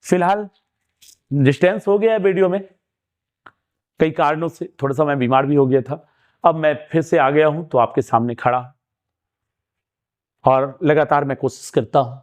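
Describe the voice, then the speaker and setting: A man's voice: on the high side, normal speed, long pauses, darkish tone. A man teaching an exam-prep lesson, explaining step by step and asking and answering his own questions. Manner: urging students to keep watching.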